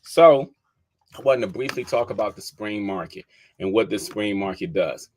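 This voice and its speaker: A man's voice: on the low side, moderate pace. Dc-guy hosting a podcast, chatty, says y'all a lot, keeps repeating his numbers. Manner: conversational, addresses listeners as y'all, repeats figures for emphasis. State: keeps sneezing. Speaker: podcast host and real estate agent. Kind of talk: casual talk to listeners.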